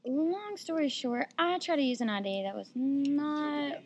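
A woman's voice: high voice, animated, measured pace, dull audio. A young woman, a podcast guest rambling through a beach-trip story with lots of "um" and "like". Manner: rambling, filler-heavy. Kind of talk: casual storytelling chat.

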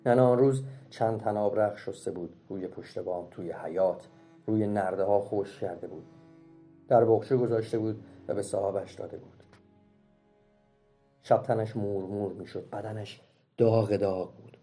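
Male audiobook narrator, low voice, dark warm tone, calm, faint music behind. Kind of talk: storybook reading.

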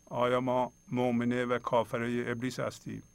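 A man's voice: medium pitch, monotone, gravelly, clear, resonant tone, no room sound. A middle-aged man hosting a spiritual program, explaining verses of poetry in a colloquial and earnest way, and urging listeners directly. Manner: earnest, exhorting, speaks straight to listeners. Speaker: host.

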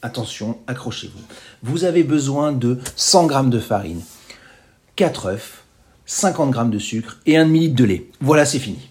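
A man's voice: medium pitch, lively intonation, moderate pace, a little mellow. A man hosting a food radio show, talking casually and chatting playfully with light irony as he walks listeners through a recipe. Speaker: radio host.

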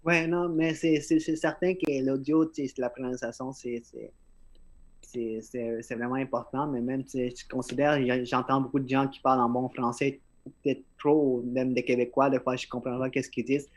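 A man's voice: mid-range voice, steady tone, normal speed. A man hosting a podcast, talking casually and earnestly, often stumbling and repeating his words. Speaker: podcast host. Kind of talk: casual conversation.

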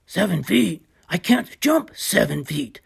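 Storybook hippo, young anxious male, read by a woman, worried doubtful tone, slow husky delivery. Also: on the low side, big pitch swings, voice pushed up, exaggerated voice.

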